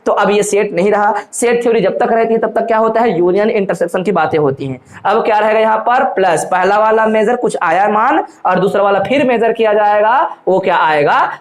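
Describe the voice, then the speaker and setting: A man lecturing on university mathematics, constantly posing questions to his students and answering them himself, calling them children. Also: sits high. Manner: addresses listeners fondly as children. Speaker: math lecturer. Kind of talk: classroom lecture in Hindi mixed with English terms.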